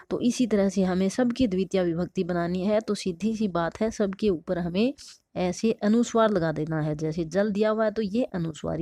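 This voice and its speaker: A woman's voice: medium pitch, mellow, no echo, studio quality. A woman teacher patiently explaining a textbook lesson, asking questions and answering them herself. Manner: patient, asks and answers her own questions.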